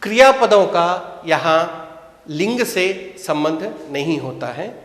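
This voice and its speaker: A man teaching a Sanskrit lesson. He enunciates each word carefully and pauses between phrases. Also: a little high, big pitch swings. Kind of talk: slow, deliberate language lesson with repeat-after-me drills. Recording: echoey room with long reverb.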